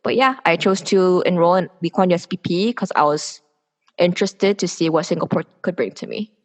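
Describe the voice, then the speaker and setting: Here a woman in her twenties from South Korea talks a little fast in a lowish voice. She's a public policy student guesting on a casual podcast interview, being frank and opinionated and going into long explanations.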